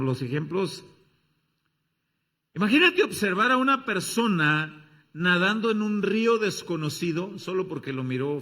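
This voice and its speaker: A man preaching a sermon as pastor, talking straight to the congregation and acting out little scenes with shouted voices. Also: a little high. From Mexico. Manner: animated, acts out everyday scenes with shouted voices; addresses the congregation directly with questions.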